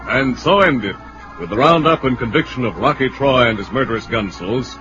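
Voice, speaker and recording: A man's voice: mid-range voice, lively intonation, moderate pace. Old-time American radio announcer, male, emphatic formal sell, muffled vintage broadcast with music underneath. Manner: emphatic, formal salesman delivery. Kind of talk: old-time 1940s-50s radio announcing, scripted sponsor and closing narration. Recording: dull vintage radio recording, music behind.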